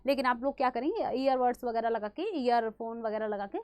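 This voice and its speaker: Fast-talking woman teacher with sore throat. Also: on the high side, fairly even intonation, darkish tone, clean tone, dry recording. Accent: Hindi. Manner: fast-talking, quizzing students with repeated questions and fillers. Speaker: current affairs teacher. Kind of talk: exam-prep lesson.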